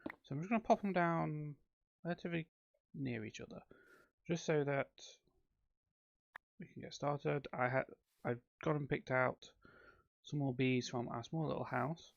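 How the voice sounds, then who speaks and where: Gravelly man narrating his gameplay. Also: fairly high pitch, unhurried, pauses often, no room sound, lo-fi sound. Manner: relaxed, rambling, frequent ums and self-corrections. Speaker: let's play host. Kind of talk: casual gameplay commentary.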